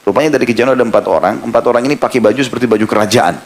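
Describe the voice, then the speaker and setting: Brief: male preacher, sermon storytelling, quick delivery, mid pitch. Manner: lively storyteller acting out the quotes.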